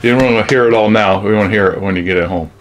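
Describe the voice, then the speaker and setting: A man's voice: on the low side, racing, slight background noise. A man in his sixties giving a casual, rambling toy demo in a folksy, playful way. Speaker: product demonstrator. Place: home kitchen. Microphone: camera a few feet away.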